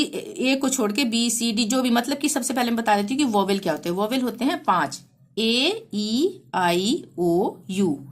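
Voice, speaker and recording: A woman teacher explaining pronunciation rules patiently, spelling out words letter by letter and repeating each rule. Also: medium pitch. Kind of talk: language lesson.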